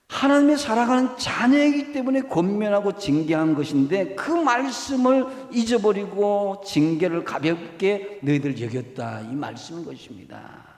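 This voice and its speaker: A male pastor preaches with a swinging, animated pitch, chatting with his congregation and asking them questions. His voice carries a long reverb through a roomy church hall. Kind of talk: sermon. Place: church sanctuary.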